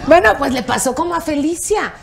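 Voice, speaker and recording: Lively high-voiced Mexican woman storyteller. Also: brisk, creaky, over a noisy crowd, heavy background noise. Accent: Mexican Spanish. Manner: animated, acts out quoted dialogue with raised voice and laughter. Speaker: television producer, interview guest. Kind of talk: anecdotal storytelling in an interview.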